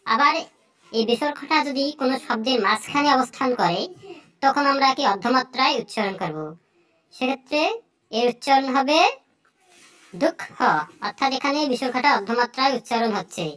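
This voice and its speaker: A young speaker with a high, slightly bright voice teaches Sanskrit pronunciation, speaking slowly and saying each example word several times.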